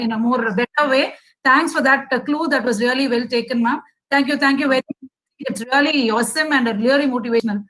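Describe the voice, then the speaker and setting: A woman's voice: sits high, a bit bright, poor audio. A woman teacher giving polite, appreciative feedback on a webinar video call, with frequent hesitations. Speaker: faculty member.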